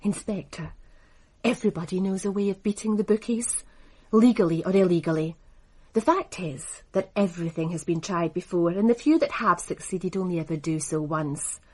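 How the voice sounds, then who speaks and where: The audio is poor, but the lowish, slightly mellow voice comes through at normal speed, close to how she'd speak day to day. An actress in a radio drama portrays a cool, cutting woman running a racing business, composed, dry and crisply assured.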